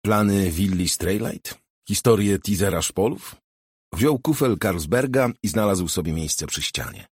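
A man reads a novel aloud in a steady, measured way. His voice is low and husky. The recording is dry and close, with no room sound. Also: dry recording. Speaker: audiobook narrator. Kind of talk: scripted narration.

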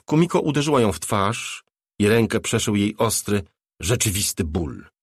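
A man narrating a novel in a measured, low-key reading. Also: expressive, breathy edge, no room sound, studio quality. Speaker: audiobook narrator. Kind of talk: scripted narration.

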